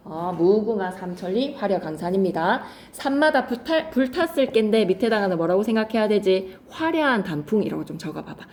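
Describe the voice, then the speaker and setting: A woman teaching a poetry lesson to students, lively, switching between polite and casual speech and acting out lines dramatically. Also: medium pitch, echoey room, slight background noise. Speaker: Korean literature teacher. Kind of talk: classroom lecture on poetry.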